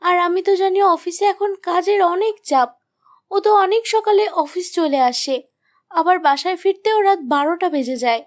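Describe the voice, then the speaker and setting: A woman voices a young wife in a very high pitch, narrating a scripted first-person cartoon horror story at normal speed. She sounds anxious, disbelieving, and suspicious of her husband, delivering it dramatically and with a troubled air.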